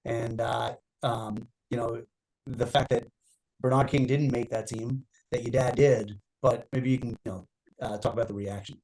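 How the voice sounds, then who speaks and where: Man hosting a book talk over video call, measured questions, lots of um and uh. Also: mid-range voice, steady tone, a little mellow, rough recording. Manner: measured, with many "um" and "uh" pauses. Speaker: moderator. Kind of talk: interview questions.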